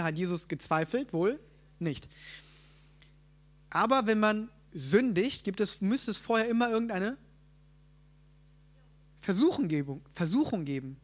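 A man preaching a sermon, teaching a group and asking them questions. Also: sits high. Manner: asks the audience questions, quick asides.

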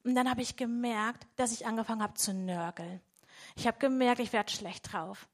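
A woman's voice: fairly high pitch, steady tone, normal speed. A woman preaching a devotional sermon in a conversational way, often checking in with her listeners.

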